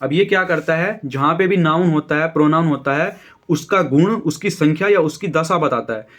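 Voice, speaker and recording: Guy teaching english grammar in hindi, kinda high voice, keeps saying theek hai, reads examples slow. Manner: explains in Hindi with English terms, asks and answers own questions; repeats "ठीक है" as a check-in. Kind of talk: explanatory grammar lesson.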